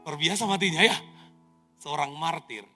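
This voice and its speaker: A man in his thirties preaching an animated sermon as pastor, telling stories dramatically with sound effects and jokes, in a reverberant church hall. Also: a little high, moderate pace, soft background music.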